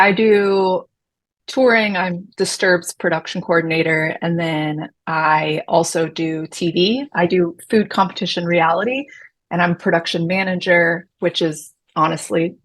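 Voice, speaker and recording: A woman's voice: fairly low pitch, no room sound. A woman in her early forties from Dallas, Texas, chatting casually as an interview guest, joking and self-deprecating, talking out of the side of her mouth. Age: early 40s. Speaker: guest, touring production coordinator.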